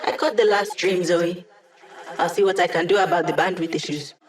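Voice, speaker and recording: A woman's voice: on the low side, fairly even intonation, normal speed, lightly acted. An actress playing a young female hacker in a video game, with wry, casual, teasing, tech-savvy banter. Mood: dry, low-key. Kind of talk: video game character dialogue.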